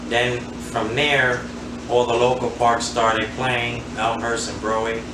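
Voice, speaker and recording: Recorded from a distance in a noisy, roomy space, a new male speaker in his forties from Queens, New York reminisces as a guest in a casual interview about being a handball player. His mid-range voice is slow-paced, flat and roomy. He sounds relaxed and rambles, using many fillers.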